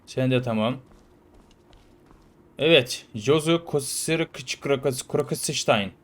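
A man playing a prison game and chatting casually over it, playful and slangy, now and then shouting loudly at the characters. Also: medium pitch, slow pace. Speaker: gaming YouTuber. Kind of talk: casual let's-play commentary.

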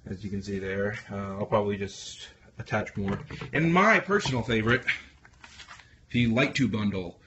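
A man's voice: lowish voice, normal speed, lo-fi sound, noisy background. A young man from Canada talking casually into his phone camera, wry and rambling with lots of fillers and restarts. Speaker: vlogger. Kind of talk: casual vlog narration. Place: garage, then a barn wrestling show.

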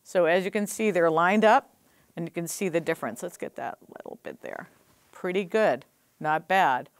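Woman film teacher walking thru the lights, crisp voice, dry close sound. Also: lowish voice, normal speed, no echo. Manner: practical, explains while operating gear. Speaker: film instructor. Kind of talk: hands-on equipment demonstration. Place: film studio or lighting stage.

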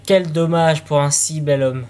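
Man playing a worried storybook king, low murmur. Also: fairly even intonation, unhurried, lightly acted. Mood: concerned. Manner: hushed, concerned.

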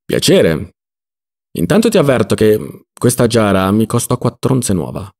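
Male reader doing a shouting, indignant landowner with a gravelly edge; audiobook. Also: lowish voice, sing-song, normal speed, full character voice. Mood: scolding. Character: irascible rich male landowner, quick to shout.

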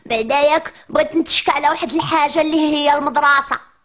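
A woman with a Moroccan accent performs a comic monologue as a chatty, cheeky little preschool girl, complaining in whiny childish chatter. Her voice is high-pitched, steady and a bit bright, and she talks fast.

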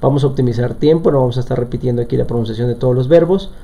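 A man's voice: medium pitch, very fast, creaky, muffled recording. A man teaching a live online language lesson, explaining step by step and often checking in with his students. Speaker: English teacher.

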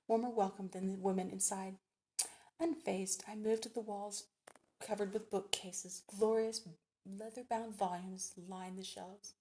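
A woman librarian reads a novel chapter aloud. Her narration is measured and expressive, in a mid-range voice. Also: mid-range voice. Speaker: librarian reading a book chapter. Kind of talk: book reading aloud.

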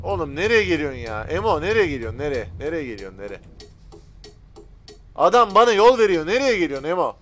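Excitable, swearing man doing gameplay commentary. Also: a little high, a little fast, pauses often, faint music behind. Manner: excitable and profane, shouting at other drivers; talks directly to viewers. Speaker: gaming video host.

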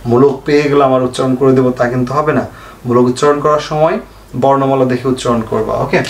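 A man's voice: fairly high pitch, a little mellow. A male chemistry teacher giving an online lesson, asking questions and answering them himself and repeating the key points. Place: home room, fan switched off. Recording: echoey room, faint noise.

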